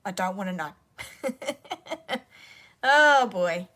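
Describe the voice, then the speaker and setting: Speaking slowly in an animated, medium-pitched voice that sounds pushed and bright, a woman voice actor rambles casually to her livestream viewers. Her throat is sore and croaky, and she talks to herself as she fights her devices.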